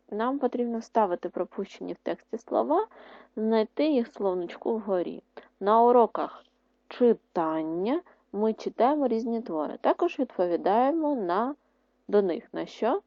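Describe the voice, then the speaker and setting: A woman teaching an online lesson to second graders, reading words and sentences slowly and clearly, repeating each one for dictation. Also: on the high side, lively intonation, dry recording, muffled recording. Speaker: primary school teacher.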